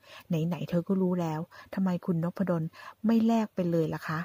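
A woman's voice: on the low side, moderate pace, dark tone, slightly rough, no room sound. Woman doing a jittery scheming secretary, flustered, dry close sound. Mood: flustered, needling. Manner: flustered, wheedling. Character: nervous two-faced young female secretary.

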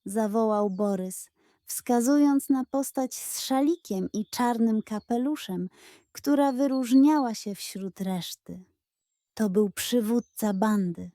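A woman reads a scripted bedtime adventure story for children, slow and dramatic in her storytelling. Her voice sits on the high side yet has a dark tone. She was recorded close on a studio microphone with no room sound.

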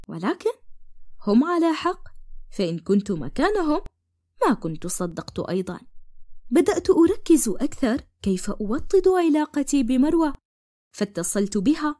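A woman's voice: high-pitched, mellow, dry recording, clean studio sound. A woman narrating a cartoon story in the first person, with dramatic delivery and whispered asides.

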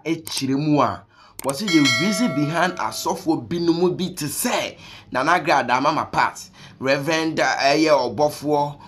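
A young man with a Ghanaian accent hosts an online reaction commentary show from a small indoor room, conversationally mixing Twi with English. His voice is a little high, with slight background noise.

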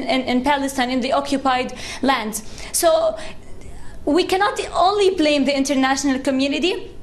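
A young woman giving an impassioned live news report, halting at times and repeating words for emphasis. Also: high voice. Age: young adult. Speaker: TV news correspondent. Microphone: handheld reporter's microphone.

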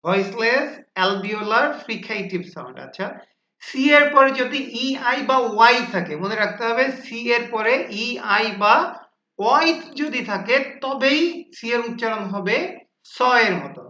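Bright-voiced woman teaching phonics. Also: fairly high pitch, animated. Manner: explains slowly with repetition and fillers. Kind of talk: classroom-style lesson. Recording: dull lo-fi sound in an echoey room.

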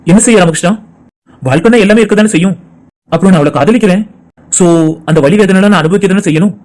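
A man's voice: high voice, quick pace, darkish tone, natural voice. A man voicing a heartbroken young lover in a cartoon, sorrowful and subdued. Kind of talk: cartoon voice acting.

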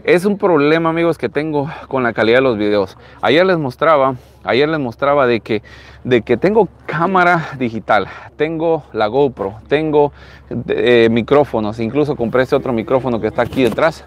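A man's voice: mid-range voice, animated, moderate pace, muffled recording. A man in his thirties with a Latin American Spanish accent, hosting a casual live vlog in a chatty, repetitive way, talking outdoors into a handheld phone. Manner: chatty, repeats phrases. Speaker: live-stream host. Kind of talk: casual live vlog commentary, showing used cars. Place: outdoors in an open car lot. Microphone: handheld phone at arm's length.

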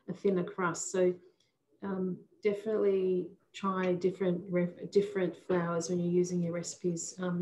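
A woman's voice: medium pitch, a little mellow. A woman in casual chat, answering viewer questions with friendly explanations full of ums. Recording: roomy sound.

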